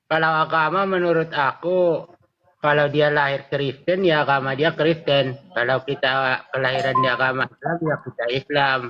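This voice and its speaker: A man with a fairly high voice speaks as a caller, sharing his opinion informally. His phrasing halts and repeats, and the audio is a bit dull and lo-fi. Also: fairly even intonation, moderate pace, a crowd in the background. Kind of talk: informal opinion on a live call. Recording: slightly dull lo-fi call audio.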